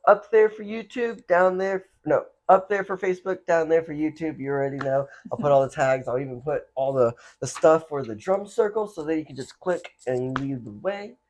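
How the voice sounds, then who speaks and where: A man from Florida hosting a casual podcast chat, animated and laughing, with lots of filler words. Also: a little high, moderate pace, hardly any pauses. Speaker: podcast host.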